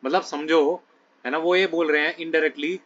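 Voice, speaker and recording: A man's voice: fairly high pitch, steady tone, unhurried, a bit bright. Man teaching scripture, chatty and conversational. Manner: conversational, keeps asking "है ना" between phrases. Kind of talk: explaining scripture to a study group. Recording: dull lo-fi sound with faint noise.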